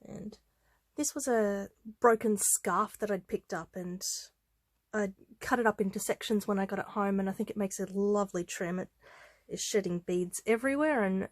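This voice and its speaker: Recorded at studio quality with no room sound, a woman with a mid-range voice presents craft supplies in a casual show-and-tell vlog. She's a little congested from a head cold and speaks in an unhurried, chatty manner, dotted with ums and uhs.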